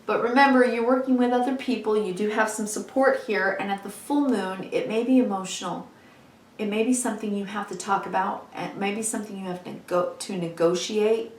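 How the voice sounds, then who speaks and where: A female tarot reader gives her weekly reading to camera in a warm, chatty, encouraging way, saying "you know" a lot. Her mid-pitched voice is steady in tone, a little fast, and slightly hoarse because she's losing it. The room is echoey and the mic sits a few feet away.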